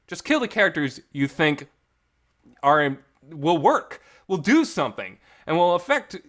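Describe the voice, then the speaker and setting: This host of a visual novel review show has a slightly high, sing-song, somewhat bright voice and takes his time. He gives an unscripted, casual review full of emotion and emphasis, with some mild swearing, recorded at home in a reverberant room.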